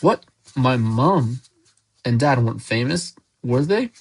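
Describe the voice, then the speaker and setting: A man's voice: medium pitch, lively intonation, slow pace, slightly rough, heavily acted. A man reading aloud, voicing a curious, bewildered eleven-year-old boy who asks short, puzzled questions. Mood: puzzled, eager.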